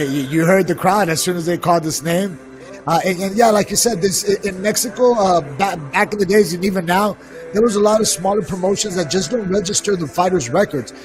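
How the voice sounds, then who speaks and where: A man giving casual live color commentary on a fight, conversational and halting, often tripping on the starts of words. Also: high voice, rough recording. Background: music.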